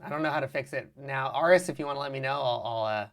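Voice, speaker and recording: A man presenting a live 3D animation tutorial, with a slight vocal fry and frequent throat clearing, narrating each click and step as he works. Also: mid-range voice, fast talker, fairly bright tone. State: keeps clearing his throat. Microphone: mic with problems on a livestream.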